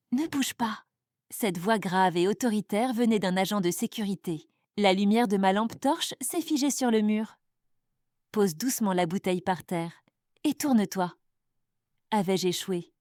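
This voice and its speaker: Woman storyteller, suspenseful first-person drama, mid pitch, dry close read. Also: dark tone, no echo. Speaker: narrator.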